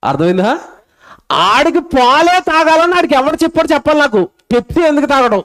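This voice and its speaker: A man giving a lively sermon as a pastor, asking the congregation questions and acting out a baby's voice. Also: extremely high pitch, brisk. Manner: animated preaching, asks the crowd questions; acts out a crying baby's voice.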